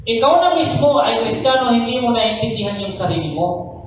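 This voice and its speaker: A high-pitched male pastor preaching to his congregation and pressing them with rhetorical questions. He sounds a little far from the mic, and the church echoes heavily around him. There is a faint hum of background noise. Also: animated, moderate pace. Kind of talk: sermon. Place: church service.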